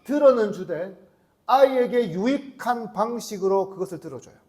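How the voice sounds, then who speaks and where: High-voiced male pastor preaching. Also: expressive, moderate pace, a little mellow. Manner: asks the congregation many rhetorical questions; acts out short prayers and dialogue in his own voice. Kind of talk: sermon.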